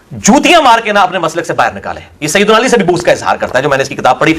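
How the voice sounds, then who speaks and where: A high-pitched Pakistani religious scholar fields questions during a heated Q&A. He sounds scornful and forceful, rattling off one rhetorical question after another.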